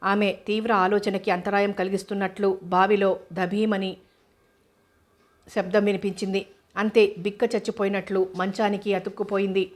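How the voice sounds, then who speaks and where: Flat-voiced woman reading a novel. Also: medium pitch, moderate pace. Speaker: narrator.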